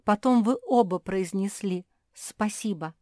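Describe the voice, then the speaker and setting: A woman voicing a timid, tearful female liar creature who sobs and frets in a high voice. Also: a little slow, a little mellow, no echo, clean studio sound, natural voice. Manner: sobbing, shrill, fretful.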